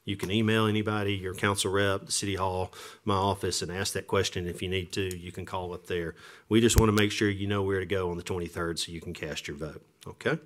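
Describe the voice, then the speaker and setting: A man chairing a council meeting as mayor in a measured, formal manner. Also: low voice, fairly even intonation.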